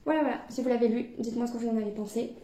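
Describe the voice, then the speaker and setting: A woman's voice: on the high side, fairly even intonation, rapid-fire, warm tone. A young woman book vlogger chatting casually to camera at home, hesitant with many fillers and restarts. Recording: echoey room.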